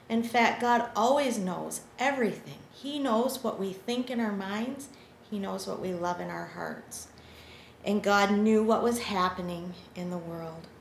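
A woman's voice: mid-range voice, creaky. Casting: female preschool Sunday school teacher with a kids show host delivery, simple prompting phrases, echoey room with faint noise. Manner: simple words, addressing young children with questions and prompts. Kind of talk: children's Bible lesson told like a kids show host.

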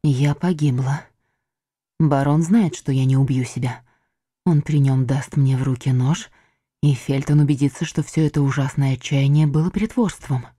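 A woman's voice: extremely low pitch, steady tone, moderate pace, warm tone, husky, no room sound, clean studio sound. A woman voicing a cunning captive noblewoman in an audiobook, pleading and theatrical. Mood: scheming. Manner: pleading, theatrical, breathless entreaty. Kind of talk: audiobook character reading.

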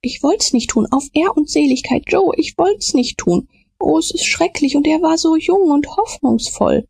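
A woman's voice: sits high, sing-song, moderate pace, gravelly, warm tone, no echo, pitched above the performer's own voice, exaggerated voice. A woman voicing a frightened drunken male vagabond who begs in a shaking voice. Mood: pleading. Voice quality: trembling.

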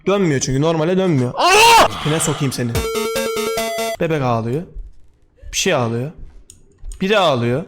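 A young man giving excitable horror let's-play commentary, talking to himself, swearing and yelping at scares. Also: on the high side, brisk, long pauses. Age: young adult. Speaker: gaming YouTuber. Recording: game music playing behind.

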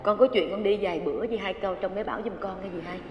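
An actress playing a soft-spoken young mother who is polite and coos to her baby. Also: medium pitch, racing, muffled recording, lightly acted. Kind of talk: TV drama acting. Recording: roomy reverb with music behind.

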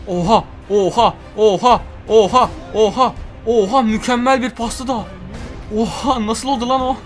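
A young man commentating his own football video game as he plays, excitable, shouting and groaning at every play. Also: extremely high pitch, unhurried. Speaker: gaming YouTuber. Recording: faint game music behind.

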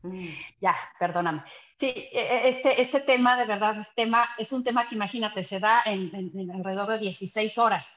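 A woman psychologist, a guest on a video call, explaining in a measured, hesitant way with many fillers. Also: medium pitch, a bit bright. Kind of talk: explanatory talk. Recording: dull lo-fi video call audio.

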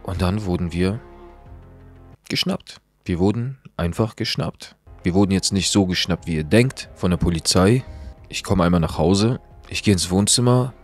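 A young man telling a story in a casual, slangy monologue, swinging between loud outbursts and hushed asides. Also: sits low.

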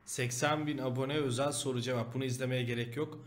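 A man's voice: medium pitch, steady tone, fast talker. Male streamer chatting with viewers. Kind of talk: casual live-stream reaction.

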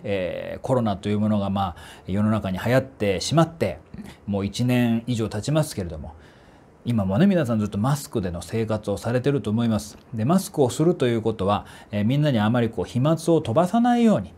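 A man's voice: mid-range voice, dark tone. A man from the Kanto region, a voice trainer giving a chatty, emphatic solo talk with polite asides. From Kanto, Japan.

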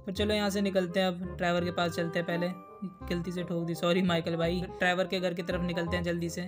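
A man's voice: sits high, little pitch movement, quick pace, music in the background. A man doing chatty gameplay commentary, talking straight to his viewers and getting jumpy and easily spooked. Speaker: gaming YouTuber.

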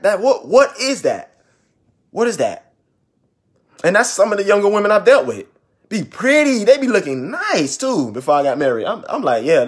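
A man's voice: fairly high pitch, husky. A man in his twenties giving preachy relationship advice in a casual monologue, repeating phrases for emphasis. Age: 20s. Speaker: ministry vlogger.

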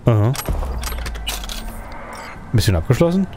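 A man's voice: medium pitch, big pitch swings, unhurried, background noise. A man giving casual let's play commentary, thinking aloud and asking himself questions as he plays.

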